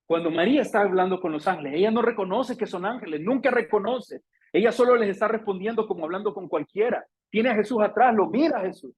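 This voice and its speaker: Husky Salvadoran pastor preaching animatedly. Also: male voice, fast, poor audio. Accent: Salvadoran Spanish. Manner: animated, acts out scripture quotes with sudden high-pitched exclamations. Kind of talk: sermon. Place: church.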